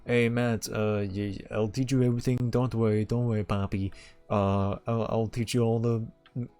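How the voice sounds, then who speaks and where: A man's voice: level tone, normal speed, mellow, clean tone, soft background music, lightly acted. A man putting on a Spanish accent to voice a friendly, eager male coworker who reassures him. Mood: reassuring. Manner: upbeat, reassuring, higher than his own voice.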